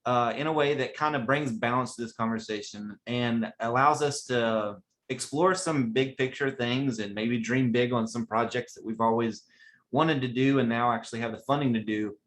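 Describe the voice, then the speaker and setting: A man's voice: mid-range voice, normal speed, fairly bright tone. An enthusiastic man with a West Virginia Appalachian accent, hosting a webinar in a casual, chatty, folksy way. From West Virginia, USA. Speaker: webinar host.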